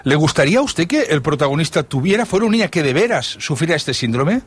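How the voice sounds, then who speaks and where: A man's voice: fairly high pitch, big pitch swings, fast, husky. A man hosting a book interview in a courteous, formal way. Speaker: interviewer and host.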